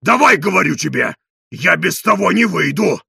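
A man voicing a coarse, bullying middle-aged man in an audiobook, shouting in drawn-out outraged bursts with a raspy voice. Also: sits high, sing-song, no room sound, clean studio sound, voice pushed up, full character voice. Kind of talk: audiobook character reading.

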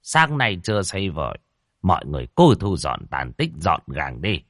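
A man's voice: sits low, huge pitch swings, normal speed, a bit bright, no echo, studio quality, full character voice. A man voicing a bossy, scheming old village sorcerer who scolds and gives orders. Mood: sly instructing. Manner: scolding, commanding.

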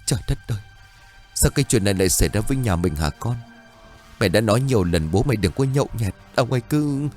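A man voicing a distraught older widow who cries out in a high, pleading voice. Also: lively intonation, quick pace, a little mellow, soft background music, natural voice.

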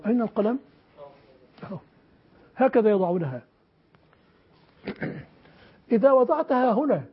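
A man's voice: very high voice, husky. An older man teaching a class, speaking emphatically and quizzing his students in a classroom with a board. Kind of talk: classroom lecture. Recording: dull lo-fi lecture recording.

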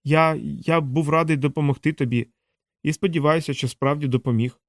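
A man voicing a gentle, timid male alien robot who pleads in a hurt, higher voice. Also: steady tone, moderate pace, no room sound, clean studio sound, lightly acted. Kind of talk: audiobook character reading.

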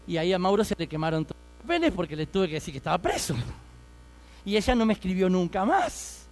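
A man's voice: high voice, very animated, fast, darkish tone. A man in his thirties with an Argentine accent, telling his life story as a fervent preaching testimony and speaking straight to his listeners. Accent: Argentine Spanish.

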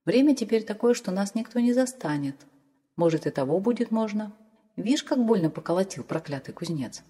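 A woman's voice: medium pitch, lively intonation, fairly quick, warm tone, husky. A woman voicing a sly, cowardly older village man who mutters indignantly to himself. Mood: grumbling. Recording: long hall reverb.

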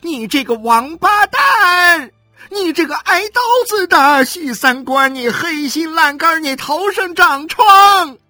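A woman's voice: a little high, sing-song, takes it slowly, a bit bright, husky, dry recording, clean studio sound, faint music behind, pitched above the performer's own voice, full character voice. A woman voicing a young wife in agonizing labor who sobs, wails and screams curses at her husband in an audiobook. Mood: furious cursing. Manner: wailing, sobbing, screaming curses.

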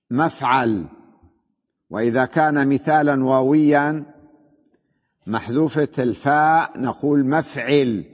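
A man teaching an Arabic grammar lesson. He explains step by step, asks his class questions and answers them himself, and drags words out slowly to spell out their forms. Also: medium pitch. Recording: muffled recording with long hall reverb.

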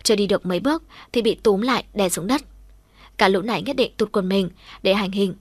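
Woman reading a story aloud, lively, acts out the shouty bits, mid pitch, dead dry mic. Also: fairly quick, no room sound. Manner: lively storytelling, louder and higher for shouted quotes. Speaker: audiobook narrator. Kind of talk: first-person story narration with voiced dialogue.

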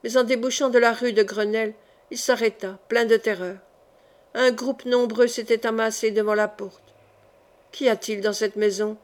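A woman reading a classic novel aloud as an audiobook narrator, in measured, dramatic storytelling. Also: on the high side, steady tone. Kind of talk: scripted narration.

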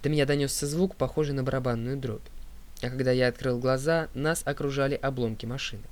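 A man reading an audiobook as narrator, in a steady, clear voice that drops low on speaker tags. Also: fast. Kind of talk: scripted narration.

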